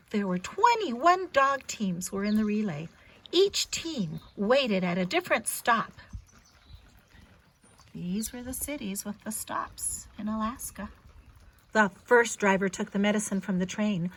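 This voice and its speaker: With a fairly high-pitched voice, a woman performs a children's picture book in an animated, teacherly style, pausing for easy asides to the little ones listening.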